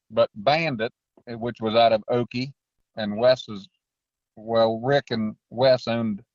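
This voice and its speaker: A man's voice: medium pitch, darkish tone, dry recording. Muffled lo-fi audio, dry sound, man, folksy rambling hunter swapping stories. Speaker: interview guest, raccoon hunter. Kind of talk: casual storytelling.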